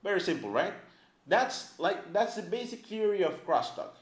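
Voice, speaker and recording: In an echoey indoor room, a man gives a casual, explanatory language lesson to camera while a camera operator films. He's animated and chatty, his talk stuffed with "right?" and "like", and his voice sits high at a moderate pace.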